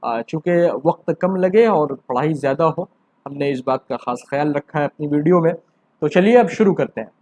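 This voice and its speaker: A man teaching an exam-prep grammar lesson. He asks rhetorical questions and answers them himself, rising to emphatic questions and then dropping low. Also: darkish tone. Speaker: Urdu teacher.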